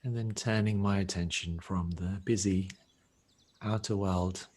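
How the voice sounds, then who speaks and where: A deep-voiced man with a husky texture guides a meditation. His delivery is gentle and unhurried, with long teacherly pauses between phrases and fairly even intonation.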